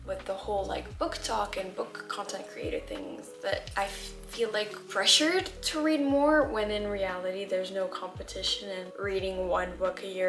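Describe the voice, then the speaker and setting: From a room in her home, a young woman chats casually and candidly to camera as a book vlogger, her English non-native and peppered with fillers. Her voice is mid-range, and the recording has a roomy sound.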